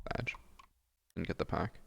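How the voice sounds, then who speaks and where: A man's voice: unhurried, soft background music. A man streaming a game, chatting casually and teasing a friend with sarcastic banter. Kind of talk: casual gaming stream chat.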